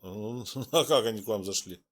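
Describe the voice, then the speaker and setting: A man from Donetsk, Ukraine, with a lowish voice at normal speed, hosts a chat-roulette conversation. The talk is argumentative and casual as he needles and mocks the person on the other end.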